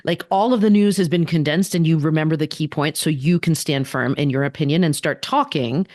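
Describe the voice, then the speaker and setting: A woman co-hosting a political podcast, talking emphatically with rhetorical questions and quick asides. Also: deep voice, darkish tone, no echo, studio quality. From daughter of immigrants. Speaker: podcast co-host. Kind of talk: casual political chat.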